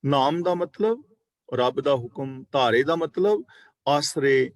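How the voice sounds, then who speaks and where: A man teaching a scripture class, reciting verses slowly and then explaining each word, at times correcting how a word is pronounced. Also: mid-range voice, animated, dry recording. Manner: corrects pronunciation letter by letter. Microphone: online video call.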